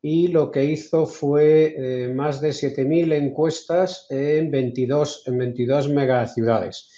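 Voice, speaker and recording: Brief: Peninsular Spanish man, guest lecturer, mellow and a bit high, measured, restarts often, dull video-call audio. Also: fairly even intonation, reverberant. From Spain. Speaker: invited speaker. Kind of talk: online lecture.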